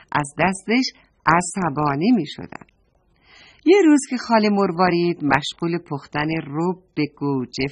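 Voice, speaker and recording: A woman's voice: on the low side, highs cut off. A woman narrating a children's story, talking affectionately to young listeners.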